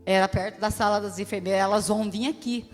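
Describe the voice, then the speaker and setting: A woman's voice: medium pitch, fairly even intonation, fast. A Brazilian woman missionary giving an emotional, emphatic church testimony, speaking straight to the congregation. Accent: Brazilian Portuguese. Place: church hall. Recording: echoey church hall with soft music.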